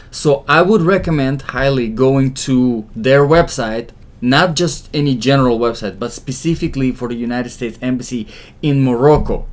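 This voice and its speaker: A man, an immigration consultant, gives casual, reassuring advice to viewers, with frequent fillers and restarts. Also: mid-range voice.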